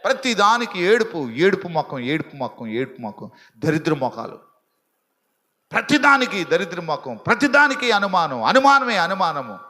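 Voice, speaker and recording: Bright-voiced pastor preaching in a reverberant hall. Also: male voice, high voice, very animated, moderate pace. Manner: preaching with rising intensity and repetition; teasing the congregation about sleeping. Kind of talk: sermon. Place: church hall with live congregation.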